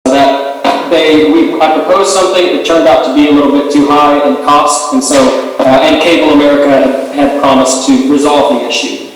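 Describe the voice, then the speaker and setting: A man from Missouri pitches his services over a remote video call that plays through a loudspeaker in a council hall. His voice reaches the mic from far off and rings with a long, roomy echo. He talks in a halting way, restarting and repeating words. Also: steady tone, faint music behind. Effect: remote video call played over a room loudspeaker. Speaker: local account manager presenting to a city council. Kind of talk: remote sales presentation.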